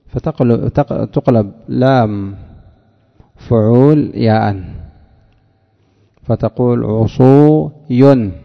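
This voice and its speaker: Male teacher, mid-pitched, drawn-out examples, questions answered himself, dull lo-fi lecture recording. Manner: asks the class questions and answers them himself, drawls example words slowly. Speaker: teacher of Arabic morphology. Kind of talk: classroom lecture. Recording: dull lo-fi recording with long hall reverb.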